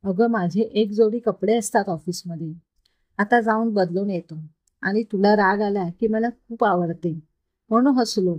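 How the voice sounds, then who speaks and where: A woman's voice: medium pitch, unhurried, a little mellow, natural voice. Woman voicing an easygoing teasing young man.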